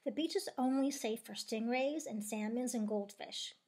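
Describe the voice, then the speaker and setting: A woman's voice: fairly high pitch, moderate pace, darkish tone, lightly acted. Woman playing a huffy know-it-all plush stingray.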